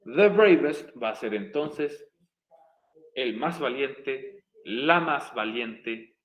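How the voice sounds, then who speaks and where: This male English teacher explains grammar in a recorded online lesson, extremely slowly yet animated, patiently repeating and spelling out every step. He has a medium-pitched voice, and the audio is poor.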